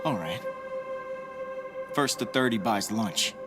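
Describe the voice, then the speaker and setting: A guilt-ridden, brainwashed soldier turned hero for a video game. His voice sits low and he takes his time over the words. He is grave and understated, a weary but loyal fighter, with music playing behind him. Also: animated, takes it slowly. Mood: teasing. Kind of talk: cinematic video game acting and narration.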